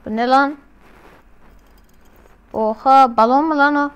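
A woman's voice: sits high, slow pace, dull audio. A woman doing casual, slangy reaction commentary as a video host, often exclaiming.

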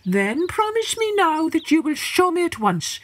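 A woman's voice: very high voice, big pitch swings, a little slow, dry recording, pitched above the performer's own voice, full character voice. Woman doing an eager farmer. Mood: insistent. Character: eager young Irish farmer man. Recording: music behind.

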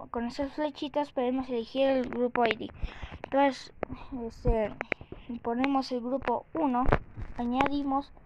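High, slow, halting youthful woman, noisy recording. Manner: halting, thinking aloud. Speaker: tutorial host. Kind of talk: casual step-by-step game tutorial. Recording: muffled lo-fi mic with clicks and noise.

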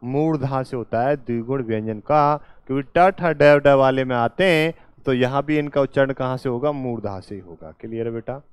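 A man teaching a class at a board, speaking slowly, repeating each point and answering his own questions. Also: mid-range voice, smooth, no echo. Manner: slow and repetitive, quizzing students with questions and answering them himself; calls the viewer "beta" and "my dear".

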